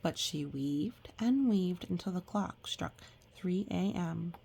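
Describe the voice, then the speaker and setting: Reading a picture book to what sounds like young children, this woman reacts expressively, chats between pages, and explains things gently. She speaks slowly with a fairly low, lively voice and vocal fry, over a faint hiss or hum.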